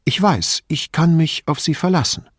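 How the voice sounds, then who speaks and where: A man voicing a frail, chatty old widow who rambles and confides in a hushed tone. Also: moderate pace, husky, no echo, studio quality. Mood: confiding. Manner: rambling, confidential, lowers voice to a whisper.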